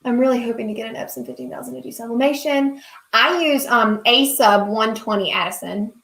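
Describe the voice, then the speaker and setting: On her crafting channel's live stream, this young Southern host from South Carolina, US, chats and gushes while she crafts, reading viewer comments out loud and thanking everyone. Her voice is a little high, fairly quick, and a bit bright, with roomy echo around it.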